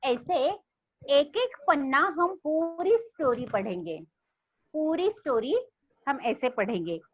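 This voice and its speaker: Woman, teacher trainer, expressive, high lively voice, dry sound. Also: no echo, muffled recording. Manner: animated, reads storybook lines aloud expressively. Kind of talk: online teacher training lesson. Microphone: video call.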